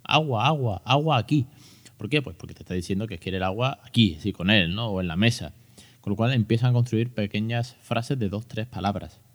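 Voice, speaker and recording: Male podcast host, 30s, Spain accent, slightly low voice, casual and joking, lots of fillers. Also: a little fast. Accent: Spain Spanish. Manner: chatty and joking, with many fillers and restarts. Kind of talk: casual educational podcast talk.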